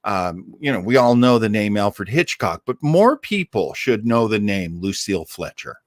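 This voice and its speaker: Hosting an old-time radio listening party, a man offers casual, enthusiastic and digressive commentary to his live audience with lightly dramatic emphasis. His lowish voice has a sing-song lilt at normal speed, recorded clean in a studio with no echo.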